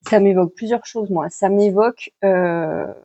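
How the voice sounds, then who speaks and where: A woman's voice: medium pitch, unhurried, mellow, muffled recording. A woman reading tarot cards for weekly guidance in a casual, chatty way, with many fillers and self-corrections. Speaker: tarot card reader giving weekly guidance. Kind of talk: casual spoken vlog.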